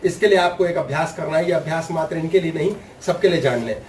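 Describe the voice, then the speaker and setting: Male spiritual teacher, high voice, playful storyteller who acts out voices; distant mic, roomy echo. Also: quick pace, a little mellow. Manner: humorous storytelling, acts out voices, laughs often. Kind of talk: spiritual discourse to a live audience. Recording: echoey room, distant mic, faint noise.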